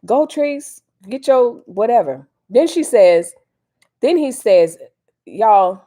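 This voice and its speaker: A woman from Miami, United States, hosts an informal livestream where she answers viewers and comments in rambling, folksy American slang. Her voice is a little high and dark in tone, animated, and she takes her time.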